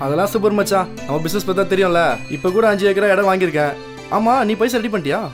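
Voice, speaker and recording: A man's voice: sits high, rapid-fire, close to an everyday voice. A man playing a breezy, chummy and slightly pushy young businessman in casual film dialogue. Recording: music behind film dialogue.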